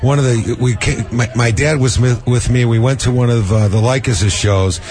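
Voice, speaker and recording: A man's voice: mid-range voice, fairly even intonation, normal speed, a little mellow. A man with a Chicago accent, an earnest attorney guest chatting casually on a radio show.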